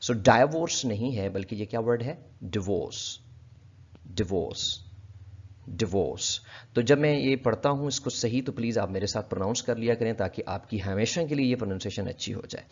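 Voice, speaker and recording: A man giving a casual pronunciation lesson, repeating each word slowly and addressing viewers politely. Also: mid-range voice, a little mellow. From Pakistan. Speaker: English pronunciation teacher. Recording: dull lo-fi audio.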